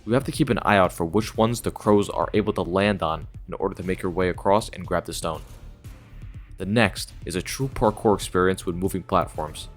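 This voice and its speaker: Deep-voiced man narrating a game retrospective. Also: brisk, soft background music. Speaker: gaming video host.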